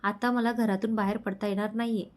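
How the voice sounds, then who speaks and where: A woman reading the part of a calm, protective young man in a storybook romance. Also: medium pitch, a little fast, close to an everyday voice. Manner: calm, composed.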